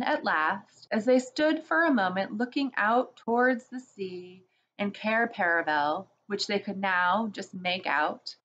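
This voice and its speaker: Brief: unhurried woman storyteller reading to kids, soft asides, muffled audio. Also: mid-range voice, a little hiss or hum. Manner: slow, gentle, with asides to children. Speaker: children's story reader for a church. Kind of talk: reading a children's book aloud.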